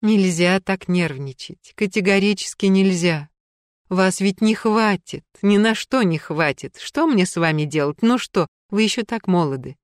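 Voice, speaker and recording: A woman's voice: mid-range voice, expressive, measured pace, no echo, studio quality, close to an everyday voice. A woman narrating an audiobook, voicing a stern, commanding old woman who runs a museum. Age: older. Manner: commanding, lecturing, firm.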